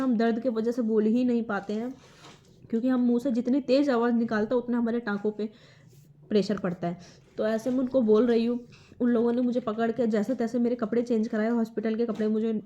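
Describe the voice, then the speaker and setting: A young woman telling a personal story in a vlog, emotional and halting, often restarting her words. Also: fairly high pitch, dark tone, lo-fi sound. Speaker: vlogger.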